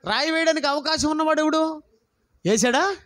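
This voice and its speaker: A man's voice: very high voice, brisk, a bit bright. A man preaching a sermon as a pastor, passionate and full of rhetorical questions put straight to the listeners. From Andhra Pradesh, India. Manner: impassioned, rhetorical questions, addresses listeners directly.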